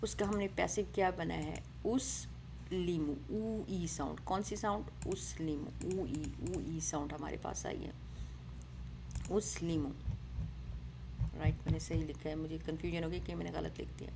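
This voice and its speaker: A woman's voice: deep voice, fairly even intonation, creaky, hardly any pauses, noisy background. A woman teaching an Arabic grammar lesson, explaining patiently, mixing in English words and often checking with "right?".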